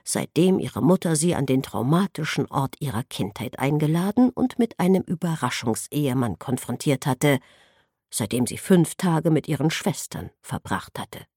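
A woman reading a novel aloud as narrator, in an expressive storytelling manner. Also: deep voice, moderate pace, slightly rough, dry recording, studio quality. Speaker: audiobook narrator. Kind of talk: scripted narration.

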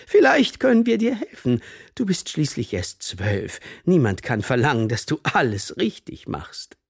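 A man reading an audiobook, voicing a kind, timid male headmaster who speaks softly. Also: medium pitch, wildly swooping pitch, measured pace, vocal fry, slightly rough, dry recording, studio quality, heavily acted. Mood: gentle. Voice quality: soft, friendly.

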